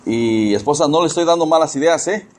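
A man preaching a sermon to his congregation, earnest and given to repeating words and phrases for emphasis. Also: brisk. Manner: earnest preaching, mimics churchgoers in high excited bursts. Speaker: pastor.

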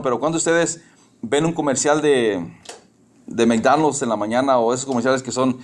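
A man in his fifties preaching a sermon in a conversational way, asking the congregation questions and dropping in English phrases. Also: medium pitch. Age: 50s. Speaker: pastor.

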